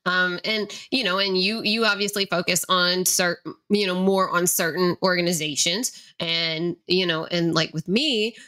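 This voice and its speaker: A woman's voice: on the low side, fairly even intonation, normal speed, few pauses, bright, forceful tone, clean tone. A woman hosting an interview podcast, talking in a loose, rambling way with many fillers. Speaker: podcast host. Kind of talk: casual interview chat.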